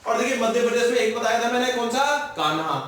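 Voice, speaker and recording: A man's voice: extremely high pitch, expressive, quick pace, a bit bright. A man teaching an exam-prep lecture, quizzing his students with questions and answering them himself. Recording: echoey room, far from mic.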